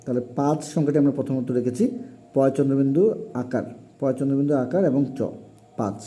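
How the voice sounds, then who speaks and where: A man teaching a spelling lesson in a formal, repetitive way, with frequent pauses. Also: mid-range voice, steady tone, dark tone. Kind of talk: classroom lesson for parents and young pupils.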